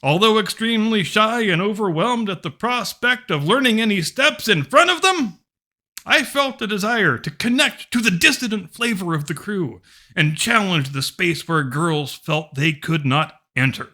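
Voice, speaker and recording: A woman giving a dramatic reading of an academic text like a hammy stage actor, with theatrical, drawn-out emphasis. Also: medium pitch, expressive, bright, forceful tone. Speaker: host of a mocking dramatic reading.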